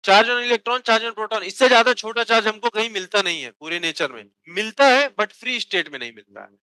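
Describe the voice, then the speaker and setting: A man gives a physics lecture in a high, crisp, resonant voice. He quizzes the class and answers his own questions, and at times dictates notes word by word. The sound is dry and close. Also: expressive, normal speed, sharp tone, no room sound, poor audio. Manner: asks students questions and answers them himself. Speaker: physics teacher.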